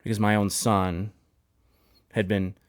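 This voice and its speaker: A man's voice: lowish voice, flat delivery, slow pace, clear, resonant tone, no echo, studio quality. A man hosting a podcast, telling a personal story in an earnest, heartfelt way, often restarting his sentences. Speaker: podcast host. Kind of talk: casual podcast conversation.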